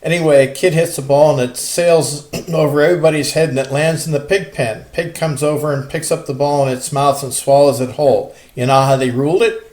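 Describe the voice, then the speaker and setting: A man spins a joke in an easy, chatty manner, tossing asides to the listener. His voice sits a touch high. The room around him rings with echo. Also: fairly even intonation, fairly quick, few pauses, darkish tone. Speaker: theater club member telling a joke. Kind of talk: casual joke telling.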